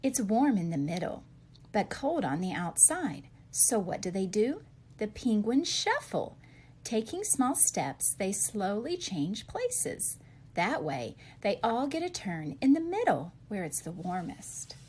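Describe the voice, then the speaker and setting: A slightly husky woman reads a picture book aloud for young listeners in a slow, sing-song delivery. Her voice is medium-pitched and darkish, and she poses questions and answers them expressively.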